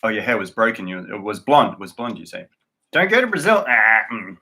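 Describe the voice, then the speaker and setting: Australian male livestream host, bright tone, easygoing and rambling, chats with viewers and reads their comments. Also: on the low side, lively intonation, a little fast. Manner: loose and rambling, with many fillers and restarts. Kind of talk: live-stream chat reading viewer comments.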